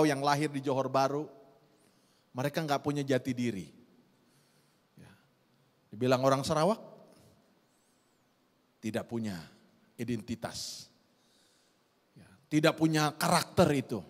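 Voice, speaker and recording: A middle-aged man, preaching a sermon in a lively storytelling way and often addressing the congregation directly. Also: a little high. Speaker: pastor. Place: church hall. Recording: long church hall reverb.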